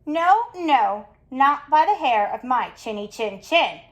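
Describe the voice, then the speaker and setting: Lady doing a tiny clever piggy from a storybook, high and polite, kinda plucky. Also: animated, takes it slowly, lo-fi sound. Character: small clever young male pig, polite and plucky.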